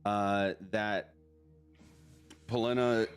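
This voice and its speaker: A man narrating a tabletop game as its game master, with a lowish voice and an unhurried, halting delivery full of fillers. Faint music plays behind him. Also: fairly even intonation, clean tone.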